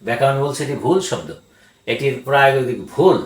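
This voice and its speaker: An older man giving a grammar lesson, speaking deliberately, repeating words for emphasis and pausing with hesitations. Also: mid-range voice, animated. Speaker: grammar teacher. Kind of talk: grammar lecture. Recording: echoey room.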